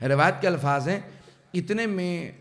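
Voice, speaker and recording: A man preaching a mourning sermon who tells the story to the gathering and builds into impassioned, tearful recitation. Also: high voice. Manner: addresses the audience directly. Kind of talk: Urdu majlis sermon. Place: religious centre hall.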